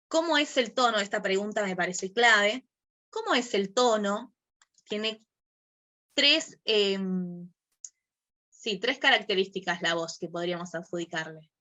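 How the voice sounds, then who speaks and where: A woman's voice: medium pitch, sharp tone. A woman leading an online workshop on podcasting, explaining step by step, asking rhetorical questions and acting out short examples.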